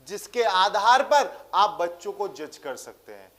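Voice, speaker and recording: A man's voice: sits high, sing-song, takes it slowly, fairly bright tone. A male teacher with a rural Hindi way of speaking, giving an exam-prep lecture and answering his own rhetorical questions. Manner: speaks with a village-style way of talking.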